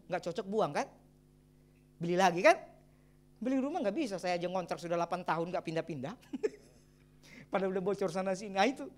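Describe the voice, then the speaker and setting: High-voiced man preaching a lively sermon. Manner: lively storyteller, frequent exclamations and chuckles; addresses the congregation as brothers and sisters. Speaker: pastor. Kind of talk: sermon with personal testimony.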